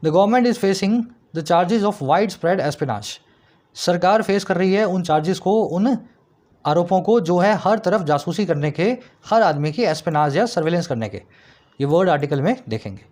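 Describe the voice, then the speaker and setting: A man teaching English vocabulary, explaining words patiently and reading example sentences slowly. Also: high voice, lively intonation, darkish tone. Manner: explanatory, asks students rhetorical checks, reads example sentences slowly. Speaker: English tutor.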